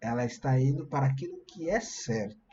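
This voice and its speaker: Brazilian pastor preaching, muffled stream. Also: male voice, medium pitch, expressive, fairly quick, mellow, slight background noise. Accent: Brazilian Portuguese. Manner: conversational, explanatory, shares screen slides. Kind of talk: sermon.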